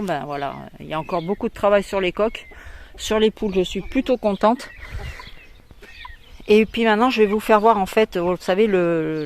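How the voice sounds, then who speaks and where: French woman breeder, casual explainer tone, recorded on a phone outdoors with faint farmyard noise. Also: medium pitch. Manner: chatty, explanatory, with many fillers. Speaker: poultry breeder. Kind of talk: casual walk-through video. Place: outdoor poultry yard. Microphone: handheld phone. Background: hens clucking.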